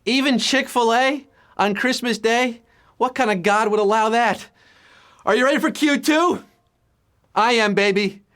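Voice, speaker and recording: A man hosting a live trivia game show, reading questions with playful, jokey patter and sudden jumps in pitch. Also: measured pace, pauses often, fairly bright tone.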